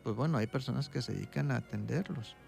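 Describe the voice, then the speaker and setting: A man, a doctor speaking as a guest expert in an interview, calmly explaining and often checking in with a quick "right?". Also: medium pitch, creaky, soft background music. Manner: calm, explaining, tags points with "¿sí?".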